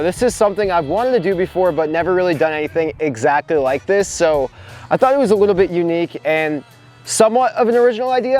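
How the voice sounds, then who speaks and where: A man hosting his own vlog in a relaxed, chatty way, reading viewers' advice aloud and reacting to it with plenty of fillers. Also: on the high side. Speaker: sneaker vlogger host. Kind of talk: casual vlog chat reacting to comments.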